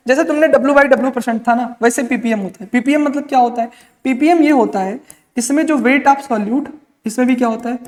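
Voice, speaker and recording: With a very high voice and a fairly quick delivery, a male chemistry teacher works through an exam-prep lecture. He answers his own questions, peppers his talk with English terms, and calls the students "beta." It was recorded in an echoey room with long reverb.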